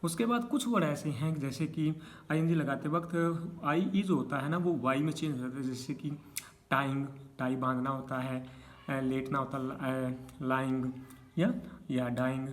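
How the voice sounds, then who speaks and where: A man's voice: mid-range voice, moderate pace. A male teacher explaining spelling rules to his students, patiently walking through example after example and checking in with a repeated "okay.".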